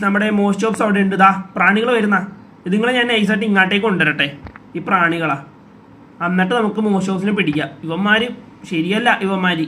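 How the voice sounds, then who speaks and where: Chatty gaming YouTuber, male, high and bright voice, talks straight to viewers with sudden exclamations. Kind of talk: casual gameplay commentary.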